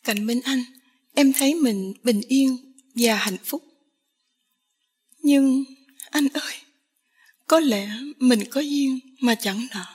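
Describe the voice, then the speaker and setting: A woman voicing a tearful young village woman pleading with the man she loves, with a slow, breathy delivery. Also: sits high, a little mellow, exaggerated voice. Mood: tender pleading.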